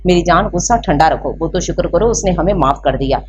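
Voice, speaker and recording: Gentle soothing young woman read by the narrator, soft, lowish, muffled. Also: brisk, husky. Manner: soft, coaxing. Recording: slightly muffled with faint hiss.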